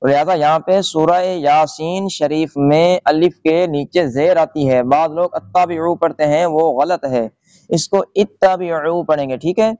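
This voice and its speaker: Male Quran tutor, slightly higher voice, patient and repetitive, recorded close and dry. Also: dark tone, clear, resonant tone, no room sound, lo-fi sound. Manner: patient, repeats rules step by step, checks in with "theek hai". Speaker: Quran reading teacher. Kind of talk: tutorial lesson.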